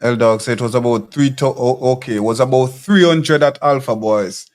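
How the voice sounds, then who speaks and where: This Jamaican man runs a live talk show, speaking at a normal pace in a mid-range voice. He reads commenters' remarks aloud and replies in a blunt, combative way, often starting phrases over or repeating them.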